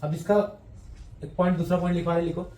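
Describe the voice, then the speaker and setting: A male chemistry teacher giving a classroom lecture, explaining step by step and dictating notes slowly word by word, checking in with students as he goes. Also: fairly high pitch, flat delivery, darkish tone, reverberant, poor audio.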